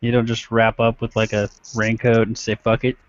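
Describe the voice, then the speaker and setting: A man's voice: medium pitch, completely flat delivery, moderate pace, muffled recording. A man leading a casual group chat, putting questions to others with joking banter.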